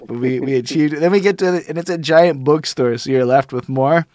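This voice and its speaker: This podcast speaker has a voice on the high side, a little mellow, and talks fairly quickly. He chats casually, spinning rambling, slangy stories laced with profanity, and the studio-quality recording has no echo.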